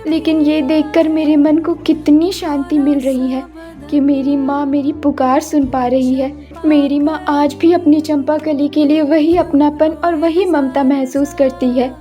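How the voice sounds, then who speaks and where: A woman voicing a sorrowful young woman cursed into a flower, speaking a soft, longing inner monologue over background music. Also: high-pitched, dull audio. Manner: wistful, soft, inward monologue. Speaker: voice actor. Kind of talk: dubbed cartoon acting.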